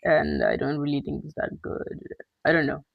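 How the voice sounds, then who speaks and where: Excitable male gamer, lively slangy commentary. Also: a little high, gravelly, dry recording, lo-fi sound. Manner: excitable, slangy, quick outbursts. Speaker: gaming channel host. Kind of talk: live gameplay commentary.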